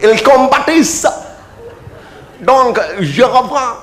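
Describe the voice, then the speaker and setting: Slow high-pitched guy doing standup, self-mocking, roomy sound. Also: expressive, a bit bright. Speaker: stand-up comedian. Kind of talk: stand-up storytelling. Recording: roomy live venue with faint noise.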